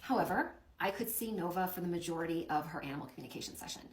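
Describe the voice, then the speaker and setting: A woman working as an animal communicator, telling an emotional story to camera in a warm, gushing way. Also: on the low side, lively intonation, rapid-fire, reverberant, poor audio.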